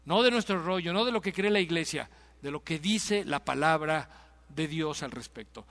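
Preacher guy, high voice, emphatic sermon, lots of rhetorical questions, big echoey church. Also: animated, normal speed, fairly bright tone. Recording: long reverb of a large hall.

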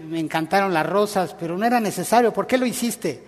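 Guy doing a sweet gushy wife, voice pushed up high, echoey hall. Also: a little fast. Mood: delighted. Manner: gushing, sweet. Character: delighted young wife thanking her husband.

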